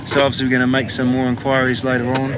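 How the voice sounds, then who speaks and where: Kiwi policeman speaking over clear outdoor noise. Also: mid-range voice, monotone, rapid-fire. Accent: New Zealand. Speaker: police officer. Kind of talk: casual on-the-job explaining and enquiries. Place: outdoors by a residential street. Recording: noisy outdoor street sound.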